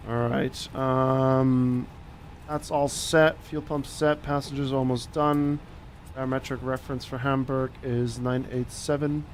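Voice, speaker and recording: Role: halting man flying a sim cockpit on headset. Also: medium pitch, flat delivery, a little hiss or hum. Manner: slow, halting, with many fillers and restarts. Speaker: flight simulator pilot. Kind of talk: cockpit checklist and radio calls over a headset.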